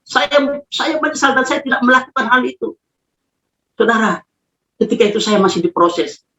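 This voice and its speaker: A man's voice: very high voice, lively intonation, moderate pace, bright, forceful tone. A man preaching a sermon as a pastor, telling a personal story with emphatic, dramatic delivery. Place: his own room. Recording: echoey, dull lo-fi room recording.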